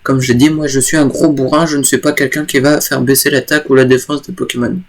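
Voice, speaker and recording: A gaming YouTuber at home provides loose, joking let's play commentary, rambling and often stopping to correct himself. His voice is ordinary in pitch but heavy with gravelly fry, stuffy from a cold, fast, and fairly flat in pitch movement.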